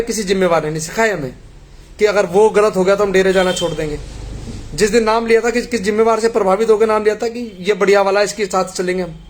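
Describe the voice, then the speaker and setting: A middle-aged man from India earnestly pleading with a congregation, telling parables in a devotional appeal. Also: high-pitched.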